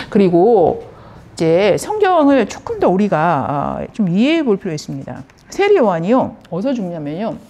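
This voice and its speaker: Woman, middle-aged, Bible lecture, warm low-toned voice, storytelling manner. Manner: lively storytelling, acts out dialogue in quotes. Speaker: counselor teaching on scripture.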